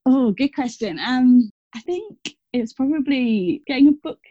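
A woman in her thirties, a teacher, chats casually as an interview guest, filling her talk with fillers and self-corrections. Her voice is high, expressive and warm, and she speaks unhurriedly. The sound is dull, dry and lo-fi.

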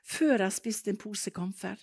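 A woman's voice: mid-range voice, gravelly, darkish tone, slightly rough. A sheepish woman friend confides her small burden in a hesitant voice, as a woman preacher quotes her in a sermon. She sounds slightly embarrassed and stumbles over a few of her words. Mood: confiding.

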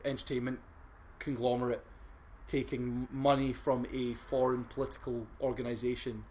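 A man's voice: mid-range voice, flat delivery, moderate pace, warm tone, slight background noise. A man co-hosting a podcast, rambling through news with fillers and restarts. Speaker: podcast co-host. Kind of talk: casual chat.

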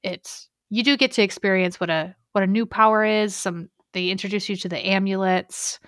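A woman's voice: mid-range voice, fairly even intonation, normal speed, fairly bright tone, no echo, studio quality. A young woman co-hosting a gaming podcast in casual, rambling, enthusiastic chat. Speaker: podcast co-host.

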